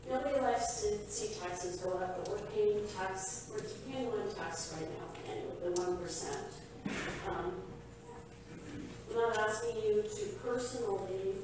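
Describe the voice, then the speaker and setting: A woman stands at the public comment podium and urges the council earnestly and firmly. She is far from the microphone, the chamber echoes heavily, and steady room noise runs under her voice. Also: mid-range voice. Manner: earnest, firm, pleading with the council.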